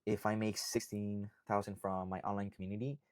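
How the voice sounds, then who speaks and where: On the low side and fairly quick, this young man's voice is clear and resonant, with little pitch movement. He's a salsa instructor from Costa Rica giving a conversational explainer to camera, tacking "right?" and "okay?" onto his points, recorded as clean studio sound without echo.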